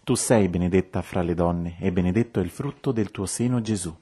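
A man with a very low voice recites the rosary in steady, measured turns. His delivery is calm and devotional. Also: slightly rough.

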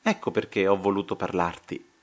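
A man's voice: low-pitched, a little fast. A man voicing a feverish young painter who talks in a bitter, agitated way. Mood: tender, resigned. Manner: strange bitter laughter, excited.

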